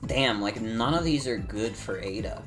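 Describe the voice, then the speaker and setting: A game streamer chatting casually and commenting live in an animated, exclamatory way, with some swearing. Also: medium pitch, moderate pace, over music.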